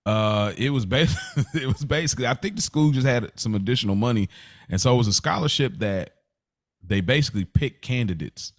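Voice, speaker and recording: An American podcast host from Kentucky and Indiana chats casually and tells stories in slangy speech, acting out conversations he remembers. He's animated, with a mid-range voice moving fairly quickly and no room sound.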